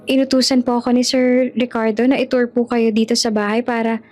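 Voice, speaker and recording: A woman's voice: on the high side, little pitch movement, a little fast, darkish tone, lightly acted. Bashful, polite young maid from the province, voiced by a woman in a storybook read-aloud.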